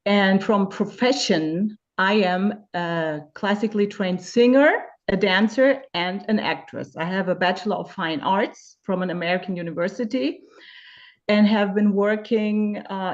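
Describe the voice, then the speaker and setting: A German woman in her fifties appears as a guest in a webinar interview, sharing her experience candidly and searching for words with frequent fillers. Her mid-range voice is unhurried, and the audio sounds dull.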